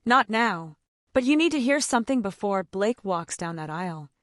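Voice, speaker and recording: A woman voicing a calm, loyal male family chauffeur who speaks quietly and urgently in a story reading. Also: medium pitch, moderate pace, dry recording, clean studio sound, natural voice.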